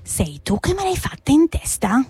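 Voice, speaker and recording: A woman's voice: sits high, wildly swooping pitch, normal speed, warm tone, pitched above the performer's own voice, exaggerated voice. A woman voicing a small, nearsighted female mole who indignantly questions the animals.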